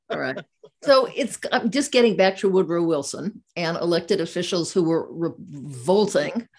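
An older woman interviews a guest in a low-pitched voice. She talks in a chatty, friendly way, with her own stories and personal questions. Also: expressive, measured pace, creaky, a little mellow, husky. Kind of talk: conversational interview.

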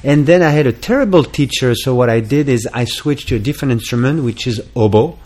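A man's voice: medium pitch, fairly quick, a little mellow. A man from France with a French accent, a musician guest in a casual interview, talking hesitantly with many fillers and restarts.

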